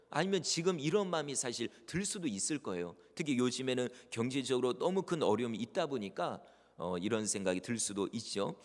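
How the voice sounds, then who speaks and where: A male pastor delivering an earnest sermon, addressing his congregation directly. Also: mid-range voice. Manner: earnest preaching, voices quoted prayers with rising intensity. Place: church sanctuary. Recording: long church reverb.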